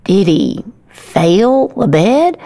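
An actress playing a blunt, sharp-tongued, mocking middle-aged village mother in a fantasy audio drama. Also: medium pitch, very animated, extremely slow, exaggerated voice. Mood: scornful, scolding.

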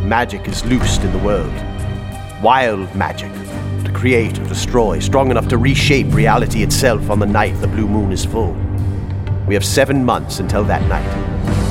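A man playing a grave, portentous sage in a fantasy audio drama, solemn and measured in delivery. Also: on the low side, lively intonation, over music, natural voice. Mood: solemn, foreboding.

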